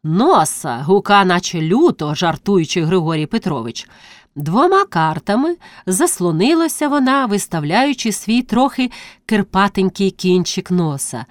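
A woman narrating classic prose as an audiobook reading, with expressive storytelling. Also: medium pitch, normal speed, no echo.

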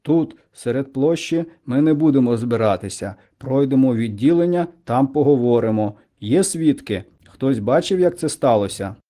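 A man voicing a stern, gruff policeman who speaks in a commanding way. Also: medium pitch, animated, moderate pace, few pauses, dark tone, close to an everyday voice.

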